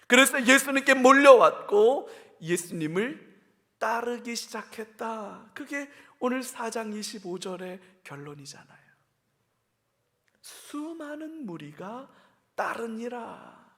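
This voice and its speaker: Pastor, man, bright forceful tone, preaches straight to his congregation with questions. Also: extremely high pitch, animated, slow pace. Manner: swings between loud emphatic bursts and hushed, whispered asides; addresses the congregation directly with questions. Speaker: senior pastor. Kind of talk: sermon.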